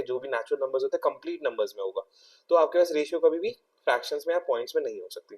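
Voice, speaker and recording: Indian guy doing a maths class, kinda high voice, mellow tone, a bit off-mic. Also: far from the mic. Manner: explains step by step, often checks in with "ठीक है". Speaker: maths teacher. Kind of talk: exam-prep lecture.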